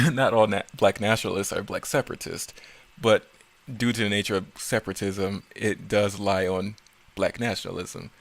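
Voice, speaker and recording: This low-leaning male voice has vocal fry and a fairly bright tone. As a video creator, he rambles through off-the-cuff commentary, tripping over words and frequently correcting himself.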